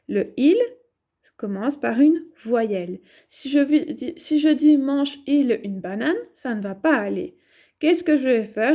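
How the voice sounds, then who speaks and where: A woman teaching a grammar lesson, explaining slowly and clearly and asking herself questions as she writes. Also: a little high, mellow. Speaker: French teacher.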